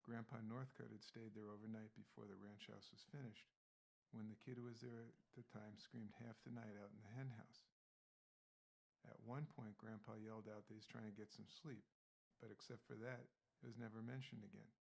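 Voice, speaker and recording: A low, gravelly male voice with a husky edge. He co-hosts a true crime podcast and walks through the details of a case in a plain, matter-of-fact way. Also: level tone, normal speed, a little mellow, low-quality recording.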